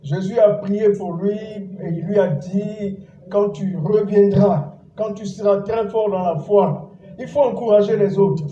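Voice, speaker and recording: A mellow, high male voice delivers a sermon unhurriedly and with fairly even intonation. The man, a pastor in a church, exhorts the congregation, repeats phrases and calls for their responses. The recording is dull, made on a distant mic in an echoey church hall.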